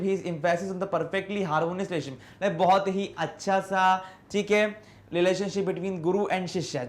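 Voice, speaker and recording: A man with an Indian accent teaching an English class. His voice sits high, and he reads the English text slowly and carefully. He keeps asking questions and then answering them himself as he explains.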